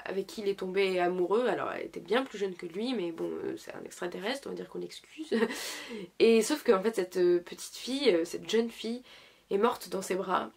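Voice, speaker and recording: A sick young woman, a YouTuber who reviews dramas, chats casually and hesitantly about shows she liked, full of fillers and restarts. Her voice is medium in pitch, creaky and husky, at a moderate pace.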